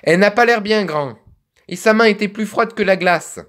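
A man's voice: sits high, normal speed, a bit bright. A young man voicing a frightened teenage girl in a raised, pleading voice while reading a text-message game. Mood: scared. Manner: anxious, pleading.

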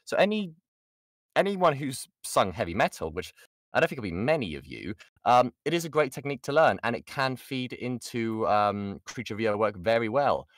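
Over indoor voice chat, a man from the United Kingdom who does voice acting leads a relaxed workshop with audience questions, often interrupting himself to repeat important points. He speaks at medium pitch in a sing-song way, at normal speed, without echo.

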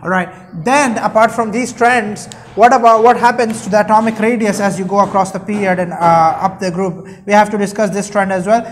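A man's voice: high-pitched, slight background noise. A man, lecturing as a teacher and often asking questions and checking understanding. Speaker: chemistry teacher. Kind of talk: explanatory classroom lecture. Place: indoor room at a whiteboard.

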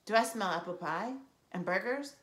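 A woman's voice: medium pitch, lively intonation, normal speed, a bit bright, close to an everyday voice. A woman voicing a scheming, greedy schoolboy who wheedles and schemes, in a storybook reading with a roomy echo. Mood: sly. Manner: wheedling and sly.

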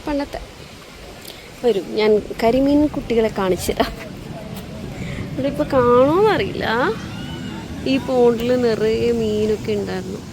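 Female vlogger, higher-pitched, casual, code-mixes English; clearly noisy outdoor recording. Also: expressive, measured pace, pauses often. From Lakshadweep, India. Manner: mixes English words into Malayalam. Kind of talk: casual chatty vlog. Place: outdoors at a park by a beach.

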